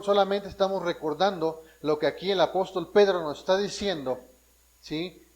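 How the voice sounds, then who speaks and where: A pastor from Mexico with a fairly high voice preaches a sermon, teaching through Bible passages and repeatedly checking in with listeners. He often restarts and quickly corrects himself, and the recording is rough.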